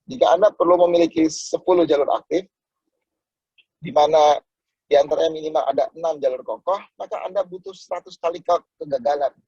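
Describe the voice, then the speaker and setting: A man giving a motivational network marketing talk over a video call, acting out little dialogues and jumping to sudden high exclamations. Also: sing-song, fairly quick, vocal fry, mellow, slightly rough, dry recording, muffled recording.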